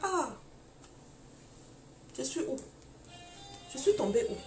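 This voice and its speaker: A woman preaching a live-streamed testimony sermon, telling her story in an animated way, full of exclamations and acted-out dialogue. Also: sits high, slow pace, soft background music.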